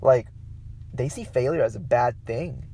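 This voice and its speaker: A man's voice: medium pitch, unhurried, warm tone, husky. Rambling man hosting a solo podcast. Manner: rambling and conversational, with many fillers and self-corrections; addresses listeners directly. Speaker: podcast host. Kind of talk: casual solo podcast monologue.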